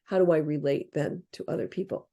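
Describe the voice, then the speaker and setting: A woman's voice: low-pitched, fairly even intonation, fairly quick, warm tone. A woman in an interview, explaining relationship advice in a practical, reflective way and acting out example phrases. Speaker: interview guest discussing relationship books. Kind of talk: casual explanatory interview talk.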